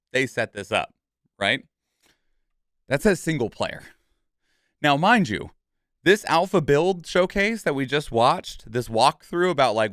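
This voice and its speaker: Clean studio audio with no room sound captures a man's medium-pitched, fairly bright voice as he streams game commentary. His take is casual and opinionated, delivered emphatically with casual swearing and frequent check-ins like "okay?" and "right?"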